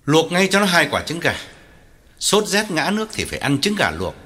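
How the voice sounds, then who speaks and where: A man's voice: on the high side, huge pitch swings, normal speed, bright, forceful tone, pitched above the performer's own voice, heavily acted. A man voicing a stern, furious older father who is a physician, giving harsh curt orders. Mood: gruff.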